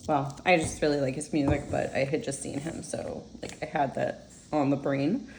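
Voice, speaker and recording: A young woman chatting casually as a planner vlogger, relaxed and full of fillers while she decorates her planner at home. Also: low-pitched, a little hiss or hum, rough recording. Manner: chatty, relaxed, many fillers and soft laughs.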